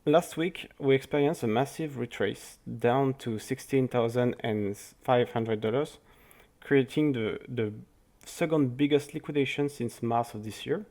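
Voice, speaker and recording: A man with a French accent, a native French speaker, giving a market review over charts in careful, halting English with frequent restarts. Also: medium pitch, a little mellow. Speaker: crypto market analyst.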